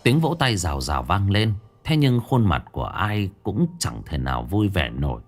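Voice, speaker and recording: A man narrating a story in a dramatic, expressive way. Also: sits low, moderate pace, faint music behind.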